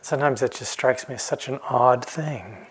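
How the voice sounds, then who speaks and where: A man in his late fifties giving a calm, reflective dharma talk as a meditation teacher, pausing often and letting phrases trail off softly. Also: mid-range voice, husky. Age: 50s. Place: retreat center hall.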